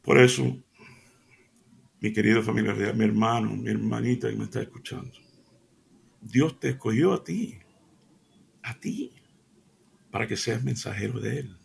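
A middle-aged man hosting a radio devotional, telling an anecdote in an animated way and speaking to his listeners as family. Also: normal speed, vocal fry, pauses often. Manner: addresses listeners warmly as family; animated storytelling, pitch jumps up for emphasis. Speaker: radio show host.

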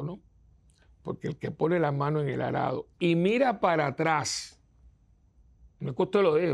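A man preaching a sermon as a priest, gravelly and husky, emphatic, acting out the voices of people he quotes. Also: on the high side, a little mellow.

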